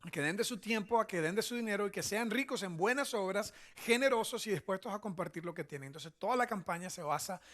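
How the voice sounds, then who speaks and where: Speaking fast with hardly any pauses, this Venezuelan-accented preacher has a high, animated, slightly bright voice. He delivers a conversational, teaching-style sermon and keeps checking in with short tag questions.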